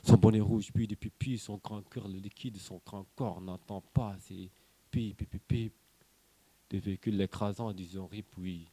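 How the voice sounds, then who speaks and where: A man's voice: on the low side, fairly even intonation, normal speed, warm tone, husky. A man from Senegal, performing slam poetry in rhythmic declamation full of wordplay and repeated refrains. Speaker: slam poet.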